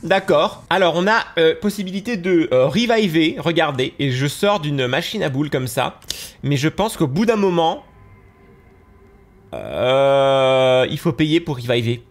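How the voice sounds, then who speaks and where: A young man with a nasal, stuffy voice giving excitable let's-play commentary over a game, gasping and exclaiming as he goes. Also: on the high side, a little slow. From France. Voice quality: nasal from allergies. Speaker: gaming YouTuber.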